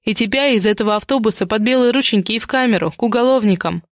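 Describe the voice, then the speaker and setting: A woman reading an audiobook and voicing a sharp-tongued, mocking woman who interrogates others. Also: on the high side, fast, no room sound, studio quality, close to an everyday voice. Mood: grim. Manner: snorting, sarcastic, interrogating.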